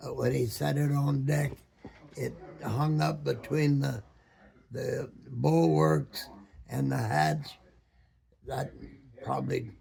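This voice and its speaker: A very old man, over a hundred, a former boat captain reminiscing in a halting way, searching for words with long pauses and many ums. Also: mid-range voice, darkish tone, rough recording. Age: over 100, very old man. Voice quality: very aged, gravelly, husky voice. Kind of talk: slow reminiscing storytelling.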